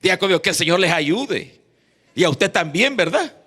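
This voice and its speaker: A man's voice: high voice, big pitch swings, moderate pace, bright, forceful tone, slightly rough. A man with a Honduran accent preaching an evangelistic sermon in a church, who keeps addressing the congregation as "hermano" and calls for responses. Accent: Honduran Spanish.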